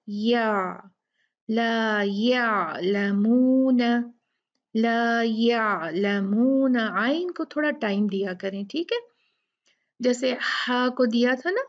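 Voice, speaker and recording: A woman teaching Quran recitation rules. She demonstrates letters slowly and patiently, and often checks with "ठीक है?". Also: fairly high pitch, highs cut off. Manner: patient, drawn-out demonstrations, keeps asking "ठीक है?". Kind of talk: tajweed lesson with slow recitation.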